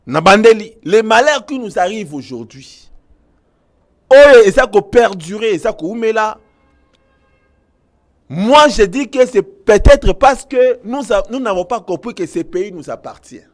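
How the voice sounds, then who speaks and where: Casting: Congolese-accented male commentator, high and animated, emphatic, swings between loud and low. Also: measured pace. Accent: Congolese French. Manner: emphatic, mixes French and Lingala, swings from loud outbursts to low intensity. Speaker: online news commentator. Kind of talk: impassioned political commentary to viewers.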